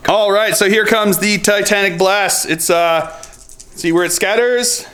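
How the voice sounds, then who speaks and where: In a clean tone and at a slightly slow pace, a high, bright-voiced man hosts and plays a tabletop battle, casually calling out the dice. His play-by-play is loose, peppered with laughs and excited whoops when the rolls change.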